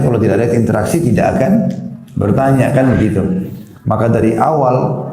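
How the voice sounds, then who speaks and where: A man's voice: lowish voice, mellow. A middle-aged man preaching a sermon, explaining step by step and acting out questions from parents and children. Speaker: Islamic preacher. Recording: echoey room.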